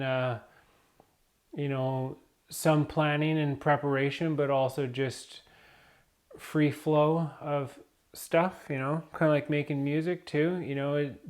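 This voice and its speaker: A man talks off the cuff to his camera in a vlog, circling his thoughts with fillers and restarts. He speaks slowly at an ordinary, middling pitch. A cough from dust sits in his voice. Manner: rambling, hesitant, many fillers and restarts. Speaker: vlogger. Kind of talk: unscripted vlog talk.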